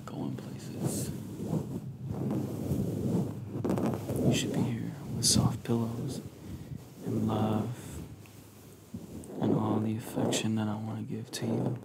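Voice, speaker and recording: A young man playing a devoted, clingy lover in an ASMR role-play, giving soft, intimate, affectionate pillow talk up close. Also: completely flat delivery, a little slow, very noisy. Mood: pleading, clingy. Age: young adult. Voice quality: soft, breathy soft-spoken mixed with low murmur. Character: devoted, clingy, tender male lover at bedside. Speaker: ASMR creator. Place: living room couch, indoors.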